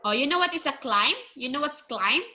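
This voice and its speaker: A woman's voice: high-pitched, lively intonation, bright, forceful tone, highs cut off. A woman teaching English to a child one-on-one, speaking patiently, repeating words and praising answers. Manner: patient, slow, repeats words for the learner to copy.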